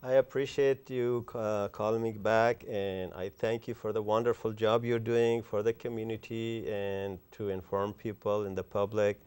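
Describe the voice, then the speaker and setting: A man in his sixties from Afghanistan, a guest author talking earnestly and effusively in an interview, often pausing with fillers. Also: lowish voice, little pitch movement, a little mellow, clean tone. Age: 60s. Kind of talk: interview conversation.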